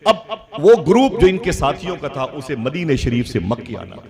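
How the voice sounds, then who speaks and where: A man's voice: on the high side, very animated, moderate pace, vocal fry. Man preaching a sermon to a crowd. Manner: swings from loud exclamations to hushed storytelling; asks the audience questions. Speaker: Islamic preacher. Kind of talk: emotional religious sermon at a gathering. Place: outdoor public religious gathering. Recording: crowd noise from a public gathering. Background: crowd audible.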